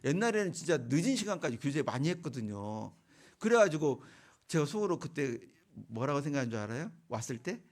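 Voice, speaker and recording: A man's voice: on the high side, big pitch swings, fairly quick. A middle-aged man preaching a sermon, telling a personal story and asking the congregation questions. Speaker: pastor.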